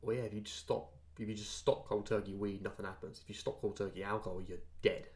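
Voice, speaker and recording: A man's voice: lowish voice, fairly even intonation, fast talker, darkish tone. A man in casual podcast chat, joking and sweary, and keen to explain things. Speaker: podcast co-host.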